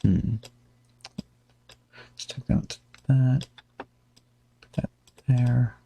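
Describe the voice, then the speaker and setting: A man's voice: medium pitch, extremely slow. A man streaming a card game live, chatting casually, humming and muttering to himself as he plays. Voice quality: gravelly, relaxed, hums and mutters while playing.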